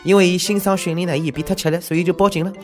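A man's voice: high voice, steady tone, racing, faint music behind. A man with a Shanghainese accent delivering exclamatory, mocking, slangy comic news commentary as a show host.

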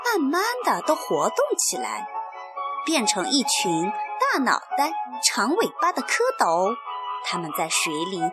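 A woman in her thirties reading a children's story aloud to her young child in a slow, expressive, sing-song way. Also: medium pitch. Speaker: storyteller mother. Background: music.

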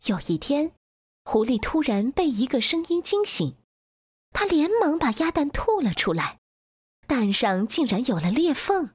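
A woman reading a children's bedtime story aloud in a slow, gentle storytelling manner. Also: high voice, big pitch swings, slightly rough, no room sound.

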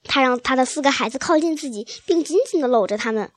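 A woman's voice: high voice, animated, fast talker, dry recording. A woman reading a children's storybook aloud, with occasional slips and restarts.

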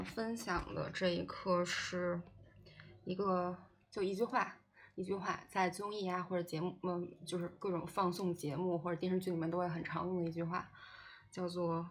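A woman giving a casual online language lesson, chatty and repeating words slowly for learners. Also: fairly low pitch. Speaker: Korean language teacher.

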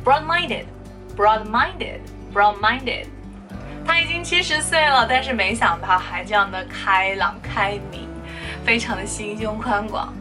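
A woman teaching spoken English, explaining words and repeating them slowly for practice. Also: medium pitch, recorded from a distance, over music.

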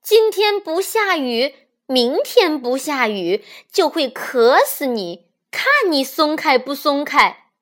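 A woman's voice: high-pitched, expressive, slow pace. A woman voicing a stubborn snipe bird quarrelling in a children's fable. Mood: taunting.

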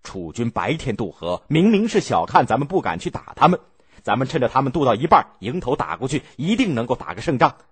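A blunt, impatient noble adviser, voiced by a male storyteller, pressing his lord with urgent, husky speech. His voice rises and falls sharply as he argues. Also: mid-range voice, sing-song, a little fast.

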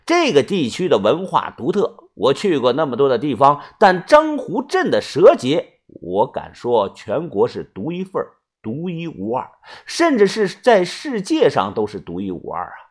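Male storyteller, husky and colloquial, rather high with a swinging delivery. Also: huge pitch swings, moderate pace, hardly any pauses. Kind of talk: first-person audio novel narration.

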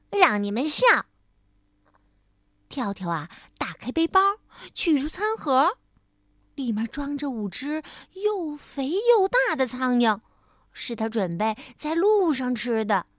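A woman with a high voice reads a bedtime story to a small child at an unhurried pace. She is gentle and turns to speak to the little listener directly. The sound is dry and close. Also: dry recording.

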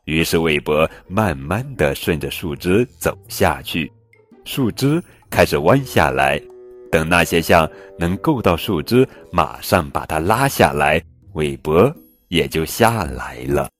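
A man narrates a bedtime picture book for children. His voice is very low yet swings expressively up and down. Gentle music plays faintly under him. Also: expressive, a little slow. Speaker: storyteller host. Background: faint background music.

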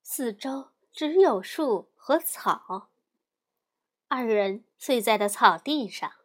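Slow, lively woman storyteller. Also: on the high side. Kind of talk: children's story narration.

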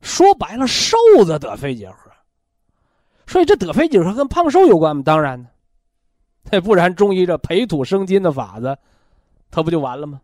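A man lectures on a health talk show, keeping his listeners engaged with constant rhetorical questions. His voice sits a little high and swings widely in pitch. The sound is dry and close, with no room echo. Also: very animated, moderate pace, long pauses, darkish tone.

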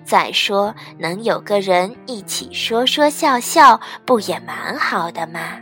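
Brief: a woman playing a soft-spoken, patient mother bear, unhurried and gentle. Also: mid-range voice, very animated, soft background music. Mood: calm.

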